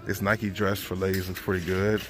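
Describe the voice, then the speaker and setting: Deep-voiced man vlogging in a store. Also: level tone, a little fast, a bit bright. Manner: casual, chatty, thinking aloud. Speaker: reselling vlogger. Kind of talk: casual shopping vlog. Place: large retail store, indoors. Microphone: handheld phone.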